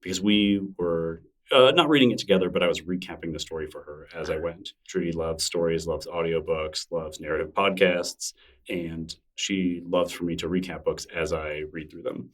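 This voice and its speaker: A middle-aged man with a low-pitched voice, speaking at normal speed on a distant mic, is interviewed as a podcast guest. He comes across relaxed and rambling, self-deprecating, with many restarts.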